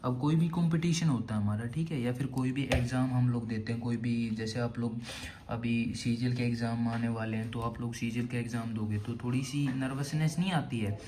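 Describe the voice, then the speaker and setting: A man's voice: mid-range voice, steady tone, brisk, noisy background. A young man teaching vocabulary for exams. He explains memory tricks and keeps saying "theek hai" between points. He asks his own questions and answers them. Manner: explains with mnemonics, says "theek hai" constantly. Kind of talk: online vocabulary lesson.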